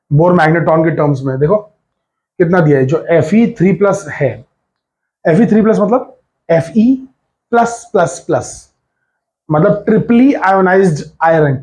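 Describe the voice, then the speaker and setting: A man's voice: sits high, darkish tone. A man teaching a casual physics lecture for board exams. He repeats key words and switches between Hindi and English as he works through a point.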